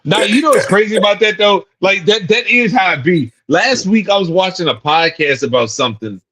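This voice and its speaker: A man's voice: high voice, lively intonation, brisk, fairly bright tone, slight background noise, poor audio. A man co-hosting a casual podcast, rambling and repeating words, with slang and swearing. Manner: profane, slangy. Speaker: podcast co-host.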